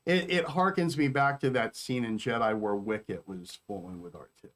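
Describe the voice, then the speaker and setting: A man co-hosting a fan review podcast in casual chat, animated and full of fillers that trail off. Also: mid-range voice, normal speed. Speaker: podcast co-host.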